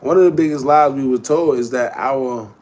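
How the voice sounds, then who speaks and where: His voice is medium-pitched and a little mellow, and he keeps a moderate pace. In his thirties, he hosts a laid-back livestream chat, responding to viewer comments in rambling, slang-filled street speech.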